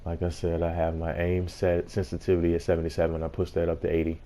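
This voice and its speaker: A man's voice: low-pitched, monotone, quick pace, mellow. A man giving a casual gameplay tutorial as host, explaining things in an informal way.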